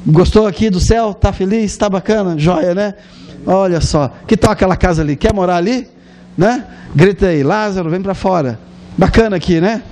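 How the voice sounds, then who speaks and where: A man's voice: high-pitched, normal speed, dark tone, close to an everyday voice. A man with a Brazilian Portuguese accent playing God, who cheerfully shows a man around heaven in a sermon story. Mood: coaxing. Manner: cheerful, coaxing.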